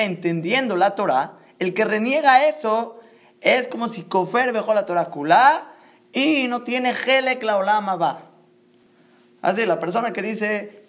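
High-voiced man telling a Talmud story. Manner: lively, animated retelling with checks like "¿ok?". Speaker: religious teacher.

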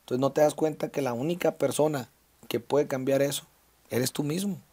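A man's voice: a little high, normal speed, warm tone, slightly rough. A man in his thirties from Sinaloa, Mexico, speaking as an interview guest, reflective and full of fillers and restarts. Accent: Mexican Spanish, Sinaloa. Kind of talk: casual conversational interview.

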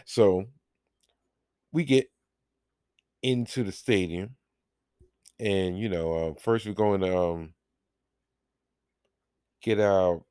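A lower-voiced man tells a long, rambling story on his podcast. He acts out the dialogue and swears freely. The sound is dry and close to the mic. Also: slow, pauses often, smooth, no room sound. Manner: animated, profane storytelling with acted-out dialogue. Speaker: podcast host. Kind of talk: casual storytelling.

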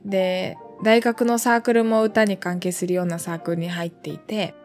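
Chatty young woman podcaster. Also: lowish voice. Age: 20s. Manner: chatty, rambling with many fillers and asides. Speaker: podcast host. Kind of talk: casual solo podcast talk.

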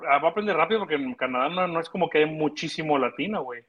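A man with a Mexican accent, a podcast guest, telling stories in crude, animated slang. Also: fairly high pitch, rapid-fire, muffled recording. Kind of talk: casual chat.

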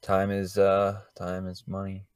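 Low-voiced joking podcast co-host man. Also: monotone, measured pace, clear, resonant tone, no room sound, clean studio sound. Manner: joking, teasing, laid-back. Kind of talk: casual chat.

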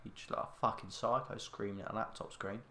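A young man, co-hosting a podcast in loud, sweary, jokey casual chat on one shared mic. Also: fairly low pitch, fairly even intonation, quick pace. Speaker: podcast co-host. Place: echoey room. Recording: echoey amateur podcast room.

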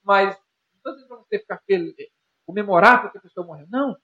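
Husky, high-sitting and fast, this Brazilian man's voice carries a Brazilian Portuguese accent as he appears as a psychologist guest. His animated, conversational explanation uses examples and speaks straight to the listener with rhetorical questions, and the sound is dull and lo-fi.

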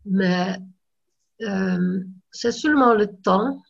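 A Dutch-native woman, a language teacher, talks slowly and hesitantly in a casual chat, stopping to look for words and dropping in English yeahs. The recording sounds dull and lo-fi. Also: medium pitch, gravelly, husky.

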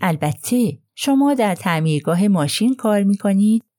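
A woman voicing an older, polite foreign male detective who questions in a measured, courteous way. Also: medium pitch, animated, mellow, dry recording, studio quality, natural voice. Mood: probing.

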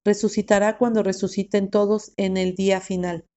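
A woman's voice: medium pitch, flat delivery, normal speed, dark tone, muffled recording, close to an everyday voice. A woman reading aloud the lines of Martha, a grieving, faithful woman. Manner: read aloud plainly.

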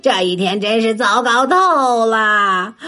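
A woman's voice: a little high, animated, a little slow, fairly bright tone, breathy edge, heavily acted. A woman voicing a hungry, sly and cowardly male wolf in a children's story, stammering and whining. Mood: weary, whining.

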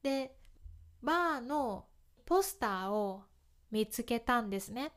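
Woman, teacher, light tinge, slow clear delivery, slightly high voice, casual podcast lesson. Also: lively intonation, fairly bright tone. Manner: slow, clear explanations mixing in English glosses. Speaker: Japanese language teacher.

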